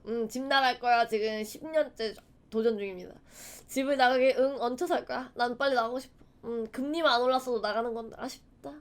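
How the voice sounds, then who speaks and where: A woman in her twenties chatting casually on a livestream, laughing often as she acts out memories. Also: fairly high pitch. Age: 20s. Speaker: streamer.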